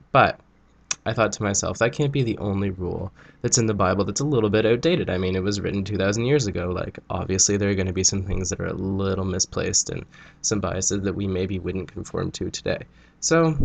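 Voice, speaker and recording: A man's voice: lowish voice, creaky. A young man with a cold and a nasal voice, ranting sarcastically in a casual vlog. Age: young adult. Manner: sarcastic, jokey asides. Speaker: vlogger.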